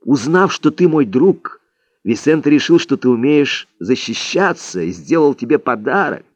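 A man voicing a stern old male Indian sage who speaks slowly and emphatically, scolding his student. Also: mid-range voice, expressive, no echo, highs cut off, pitched above the performer's own voice, close to an everyday voice.

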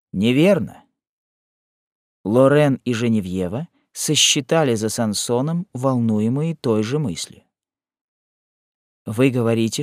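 A man narrating a chapter of a classic novel in a measured, solemn reading, slowing down on key phrases. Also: mid-range voice, no room sound, studio quality. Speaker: audiobook narrator. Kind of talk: scripted narration.

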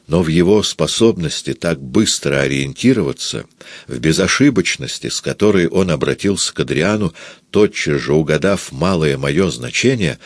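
A man reads a literary novel aloud in a measured, expressive way. His voice is deep, with a lively, rising and falling melody. The recording is close and dry. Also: no room sound. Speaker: narrator. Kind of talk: audiobook literary narration.

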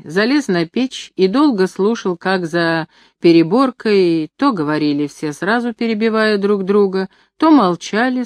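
Measured, dry-voiced story narrator. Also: mid-range voice, no room sound. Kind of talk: literary audiobook narration.

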